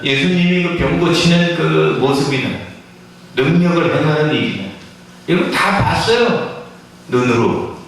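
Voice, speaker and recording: A man's voice: medium pitch, slight background noise. Male pastor, emphatic sermon, rhetorical questions, heavy hall echo, distant mic. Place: church sanctuary. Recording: echoey church hall from afar.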